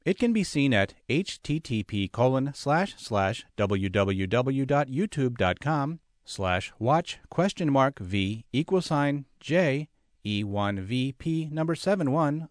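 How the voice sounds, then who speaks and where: A man reading a scripted narration in a clear, deliberate way. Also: medium pitch, no echo, studio quality.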